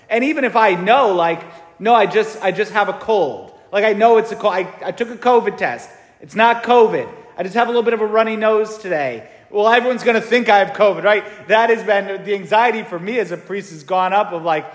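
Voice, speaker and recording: A priest with a fairly high male voice delivers a conversational homily in a large, echoey church. He's casual and chatty, with lots of fillers and tag questions. The recording carries the church's long reverb.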